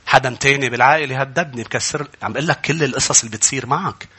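Man, pastor, Lebanese Arabic accent, husky voice, very bright tone, fast sermon delivery. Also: medium pitch. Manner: preaching with sudden loud rises to shouting.

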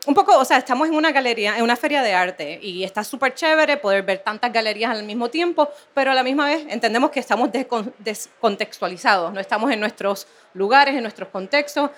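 A woman moderating a live panel in a relaxed, chatty way, with many fillers and restarts. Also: a little high, a little fast, hardly any pauses. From Puerto Rico. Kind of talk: casual conversational moderating. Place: live panel at an art fair.

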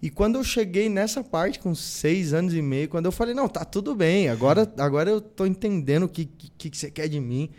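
A man's voice: sits high, expressive, fairly quick, few pauses, a little mellow. A young Brazilian man, a guest, telling a personal faith story and acting out the dialogue as he goes. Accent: Brazilian Portuguese.

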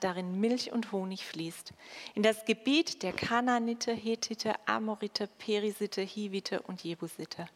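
A woman preaching a sermon and reading scripture in a slow, measured way with dramatic pauses. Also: mid-range voice. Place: church. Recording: long church reverb.

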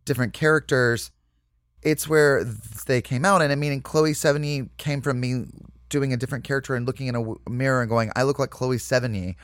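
A man's voice: mid-range voice, no room sound, clean studio sound. A man being interviewed as a comedic actor, talking in a loose, rambling way full of asides and fillers. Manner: rambling, full of "you know" and "like", lively asides. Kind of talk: casual interview chat.

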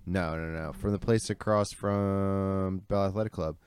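A man's voice: low-pitched, fairly even intonation, unhurried, darkish tone, clear, resonant tone, dry recording. A man hosting a podcast in a rambling, slangy, sweary way, full of bro and dude. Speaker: podcast host. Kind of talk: casual rambling podcast chat.

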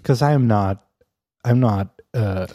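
A man's voice: fairly low pitch, takes it slowly, dark tone, dry recording, studio quality. A man co-hosting a podcast, chatting casually and rambling, with lots of fillers and restarts. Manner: rambling, many fillers and restarts, laughs often. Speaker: podcast co-host. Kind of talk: casual chat. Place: lives in Amsterdam.

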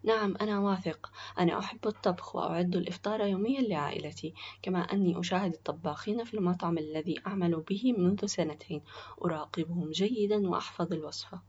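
A woman's voice: on the low side, quick pace, a little mellow, breathy edge, dull audio. A woman voicing an earnest, anxious but determined young boy in a told story. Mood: confident.

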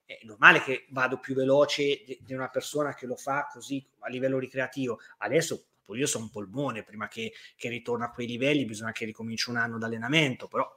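Talking fast with few pauses in a mid-range voice, this man co-hosts a livestream talk show and tells stories with lots of energy. The chat is casual, full of emphatic repetition and free swearing.

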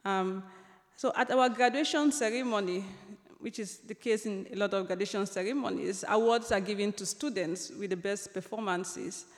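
A woman's voice: mid-range voice, moderate pace. A young woman, an author telling a personal story on stage, with light humor and many ums and restarts. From Cameroon. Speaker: author giving a talk. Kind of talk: storytelling lecture. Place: large lecture hall. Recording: long reverb of a large hall.

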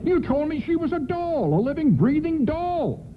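An actor playing a jolly, folksy older department store Santa Claus in a theatrical radio play style. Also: male voice, very high voice, very animated, moderate pace, noisy background. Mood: weary, wry. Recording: muffled vintage-style radio broadcast with music.

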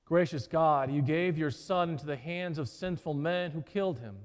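A man leading liturgical prayers in a large church, slow and measured, his voice ringing with cathedral echo. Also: a little high. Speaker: worship leader.

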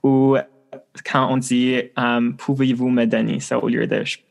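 A man, explaining things in a relaxed way and dropping English words into his talk. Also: medium pitch, measured pace, vocal fry. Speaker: podcast co-host guest. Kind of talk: casual interview chat.

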